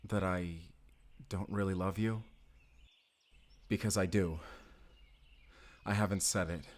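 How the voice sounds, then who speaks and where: A male actor with a low, steady voice plays an earnest, tender Spanish vampire slayer in a cinematic audio roleplay. Speaking with a Spanish accent, he addresses the listener deliberately and intimately.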